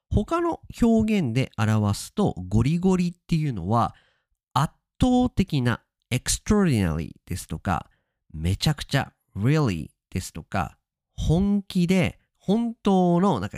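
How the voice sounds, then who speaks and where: A man hosting a casual spoken lesson, explaining words with drawn-out emphasis and English glosses. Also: lowish voice, no echo, studio quality. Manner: lively and sing-song, stretching key words, mixing in English glosses. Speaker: podcast host teaching Japanese vocabulary.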